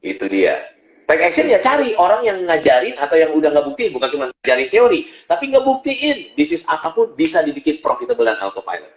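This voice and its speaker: A man, a business coach, telling stories lively in an interview and acting out the voices of the people he quotes. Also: a little high, a little fast. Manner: animated storyteller, acts out quoted voices. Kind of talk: storytelling interview talk. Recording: echoey, dull-sounding room.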